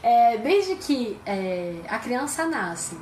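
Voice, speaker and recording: A woman's voice: fairly high pitch, very animated, drawn-out words, darkish tone, echoey room, slight background noise. A Brazilian woman psychologist explaining things in a live-stream chat, asking rhetorical questions as she goes. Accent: Brazilian Portuguese.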